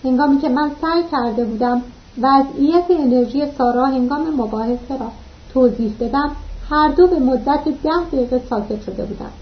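A woman narrating a novel as an audiobook, in a steady, even reading manner, in a dull lo-fi recording. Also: high-pitched.

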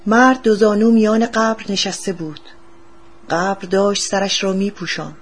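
A woman narrating a story in a calm, measured reading voice, with a husky tone. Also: medium pitch.

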